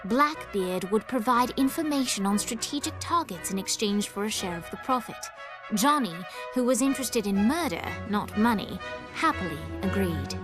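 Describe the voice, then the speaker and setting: A woman narrating a scripted video game intro in a wry, measured storytelling manner. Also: medium pitch, lively intonation, natural voice. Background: game music.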